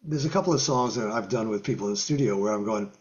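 An older man joins a casual interview by video call webcam from his home music room, telling lively stories fast in a voice on the low side. He laughs often and acts out quotes, sound effects and guitar sounds, and the audio is dull.

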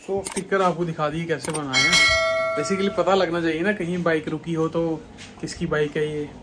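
Man, 30s, chatty factory-owner vlogger, slightly high voice, noisy handheld recording. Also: fairly even intonation, moderate pace. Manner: chatty, explaining things on the go. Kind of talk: casual vlog. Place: small tile factory and car.

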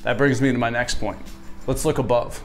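A man's voice: medium pitch, fairly even intonation, brisk, over loud music. A young man in his twenties, host of a woodworking channel, giving a casual, friendly tour of his small garage workshop with a dry sense of humor, on a lapel mic. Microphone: wireless lapel mic.

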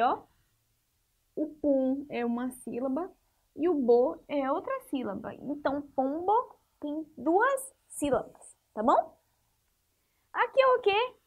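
A woman's voice: high voice, phone-quality sound. A woman teacher giving a spelling lesson to young children, asking the class questions and patiently repeating each rule. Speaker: primary school teacher.

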